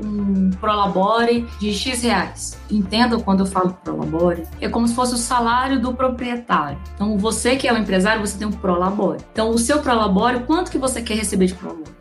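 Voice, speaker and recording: A woman from Goiânia, an economist guest explaining finances in a conversational way, often adding little tag words. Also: mid-range voice. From Goiânia, Brazil. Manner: conversational, frequent "né" and "então, assim". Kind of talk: explanatory interview talk.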